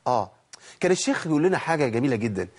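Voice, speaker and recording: A man's voice: medium pitch, sing-song, racing, darkish tone, slightly rough. A man with an Egyptian accent teaching a tajweed lesson, asking questions and answering them himself while demonstrating letter sounds. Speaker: Quran recitation teacher.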